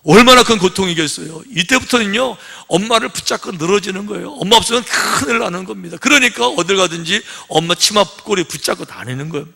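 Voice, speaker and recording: A man's voice: high voice, lively intonation, fast talker, vocal fry, hardly any pauses, sharp tone, slightly rough. A male pastor preaching a sermon in a conversational style, full of rhetorical questions and little acted-out scenes. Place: church sanctuary. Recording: long reverb of a church hall.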